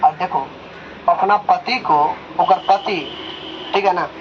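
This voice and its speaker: A man's voice: sits high, slow. A young man teaching a class in Hindi with a Bihari accent, retelling a story and checking often that the students follow. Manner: conversational, keeps checking with the class. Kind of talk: storytelling lesson retelling a chapter. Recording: slightly dull, faint noise.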